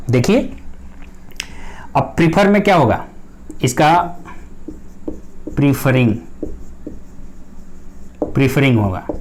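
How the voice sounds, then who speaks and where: Man, grammar teacher, patient explanatory lesson, repeats key points, slightly high pitch. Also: a little mellow.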